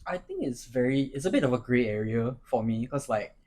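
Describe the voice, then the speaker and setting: A man in his late twenties with a Singaporean English accent, a panelist in a casual group discussion who talks in a measured way and thinks aloud with hedges. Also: medium pitch, lively intonation, dark tone. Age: 20s.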